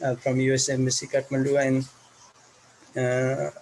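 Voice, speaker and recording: A man with a Nepali accent, a teacher, talking haltingly on a video call with many fillers and restarts. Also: mid-range voice, monotone, vocal fry, a little mellow, slight background noise, low-quality recording. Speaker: teacher and club organizer.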